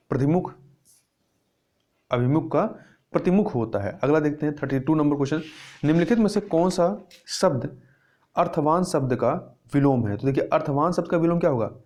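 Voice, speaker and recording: A young man talks through exam answers as a Hindi grammar teacher, with a mellow, darker tone set a little high. He repeats key words and asks himself questions before answering them. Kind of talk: explaining test answers.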